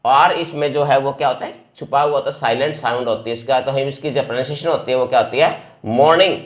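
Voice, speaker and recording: Man, English teacher, vocabulary lesson, patient, repeats words, mid-pitched voice. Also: steady tone, fast talker. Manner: explains patiently, repeats each word several times.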